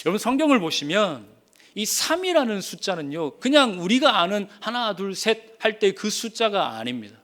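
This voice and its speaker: A man's voice: high voice, sing-song, normal speed, fairly bright tone. A male pastor giving an emphatic sermon, telling a story and speaking straight to his congregation.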